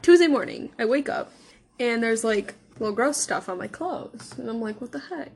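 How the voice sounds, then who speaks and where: A young woman with a fairly high voice chats as a podcast co-host. She tells a story playfully, with lots of fillers, over a faint background hiss. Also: expressive, normal speed, darkish tone. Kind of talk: casual chat.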